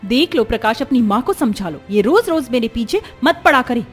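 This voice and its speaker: A woman plays a spoiled young wife in a cartoon story who snaps back defiantly. Her voice is fairly high and sharp. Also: big pitch swings, normal speed, faint music behind.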